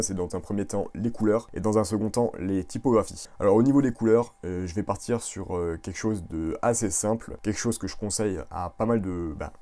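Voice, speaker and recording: A man explaining design steps in a casual tutorial, fast and full of hesitations. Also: fairly low pitch, mellow. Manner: fast, hesitant, many fillers. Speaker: graphic designer teaching viewers.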